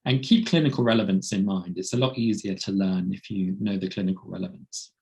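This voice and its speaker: A man with a croaky, cold-roughened voice presenting a medical teaching webinar in a plain explaining way. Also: sits low, fairly quick, a little mellow. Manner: plain explaining, light laughs.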